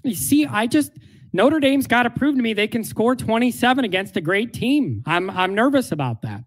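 A man co-hosting a casual sports podcast, talking in quick, nervous bursts about the game. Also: very high-pitched, expressive. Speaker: podcast co-host.

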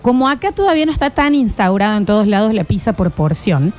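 A woman hosting a casual chat, talking in an excited, animated way. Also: medium pitch, fast, faint music behind. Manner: excited, animated, quoting film lines. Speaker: host.

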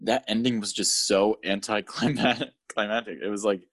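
A man's voice: on the low side, a little slow. Laughing young man in casual chat. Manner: laughing, animated retellings of scenes. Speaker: podcast co-host. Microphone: audio-only podcast mic.

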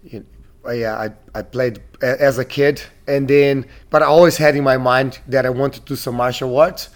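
A man's voice: mid-range voice, steady tone, moderate pace. A man from Brazil in his thirties, a gym owner being interviewed, talking casually with many restarts and fillers.

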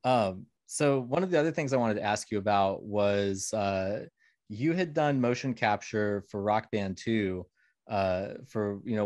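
Chatty host with a lowish voice. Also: male voice, darkish tone, no echo, clean studio sound. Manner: chatty, hesitant with fillers, laughs easily. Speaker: podcast host. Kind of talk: casual podcast interview.

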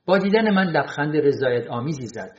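A man narrating a humorous short story in an expressive storytelling manner. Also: a little high. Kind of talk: storytelling reading. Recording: roomy, dull sound.

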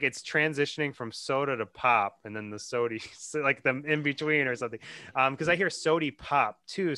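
Bright, crisp-voiced man. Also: medium pitch, no room sound. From Midwestern United States. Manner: hesitant, many "like" fillers. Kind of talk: casual chat.

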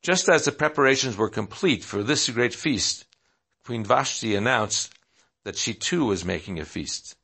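Gravelly man reading a story aloud. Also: medium pitch, measured pace. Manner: steady, with small slips and restarts.

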